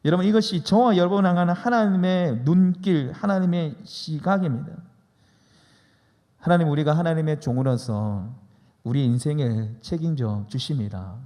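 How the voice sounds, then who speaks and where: A man's voice: fairly high pitch, normal speed, mellow. A man preaching a sermon as pastor, emphatic and leading the congregation in repeating lines. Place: church sanctuary. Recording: long church reverb.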